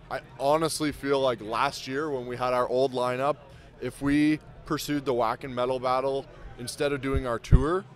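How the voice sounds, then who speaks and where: A young man, a band member guest, talking bluntly and casually outdoors. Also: mid-range voice. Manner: blunt, laid-back, swearing. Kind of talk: casual interview chat. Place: outdoors by a street.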